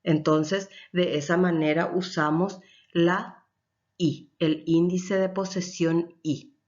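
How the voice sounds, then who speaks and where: A woman teaching Guaraní grammar in a lecture, explaining slowly and often checking with her listeners. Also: fairly low pitch, steady tone, a little mellow. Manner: switches between Spanish and Guaraní. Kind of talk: recorded language lecture. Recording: dull lo-fi recording.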